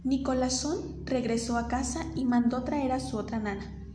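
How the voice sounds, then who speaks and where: A woman narrating a folk tale in an expressive, dramatic way, taking on the characters' voices. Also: sits high, moderate pace, slight background noise. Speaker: storyteller. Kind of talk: storybook narration with acted voices. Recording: echoey room with faint music.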